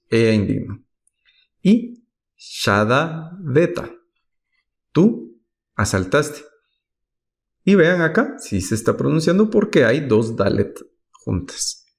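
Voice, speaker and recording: A man's voice: mid-range voice, gravelly. A man teaching Hebrew pronunciation rules, patiently reading each example word and then translating it.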